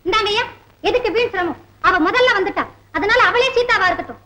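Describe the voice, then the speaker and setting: An actress playing a proud, quick-tempered young woman in an old film drama, sharp and indignant. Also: extremely high pitch, background noise. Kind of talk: 1950s-60s film acting.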